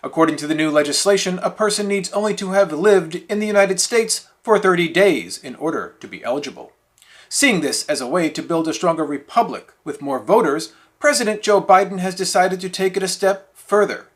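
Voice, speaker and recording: A man's voice: high voice, lively intonation, a little fast. A man reading scripted mock news as a parody news anchor, in a formal, straight-faced delivery.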